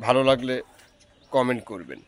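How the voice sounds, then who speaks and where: A man teaching English pronunciation, explaining rules slowly and repeating each example word. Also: medium pitch, very animated. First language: Bengali. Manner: slow, repetitive, explaining step by step. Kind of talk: pronunciation lesson.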